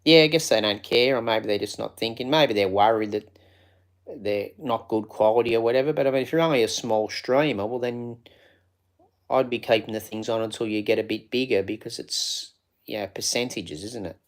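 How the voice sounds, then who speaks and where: A man's voice: medium pitch, brisk. A man hosting a casual live stream, rambling and greeting viewers by name.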